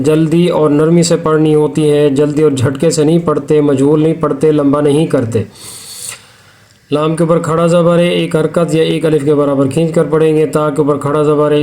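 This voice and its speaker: A man's voice: fairly high pitch, dark tone. Methodical man teaching recitation rules. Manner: slow, drawn-out recitation between brisk explanations; methodical, repeats rules step by step. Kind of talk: Hindi-Urdu lesson on tajweed, with recitation.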